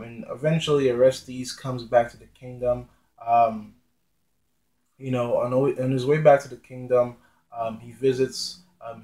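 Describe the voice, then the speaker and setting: Retelling and explaining a classic play, this literature explainer often hesitates, saying um and beginning sentences again. He has a darkish, medium-pitched voice. The low-quality recording is reverberant.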